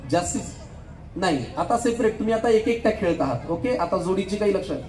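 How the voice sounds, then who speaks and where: A man hosting a live stage game, joking with contestants and counting aloud quickly. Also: sits high, animated, darkish tone. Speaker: game show host. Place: event hall stage. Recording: echoey hall, faint crowd murmur.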